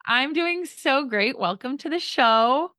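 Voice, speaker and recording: A woman's voice: sits high, expressive, slow pace, sharp tone, dry recording, studio quality. A woman hosting a podcast, upbeat and encouraging as she introduces a guest and asks questions. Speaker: podcast host. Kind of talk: podcast interview.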